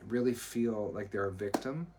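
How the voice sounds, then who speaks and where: Low-voiced man giving earnest coaching talk. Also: normal speed, noisy background. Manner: earnest, encouraging, with frequent restarts. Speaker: performance coach and co-host. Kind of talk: motivational live-stream talk.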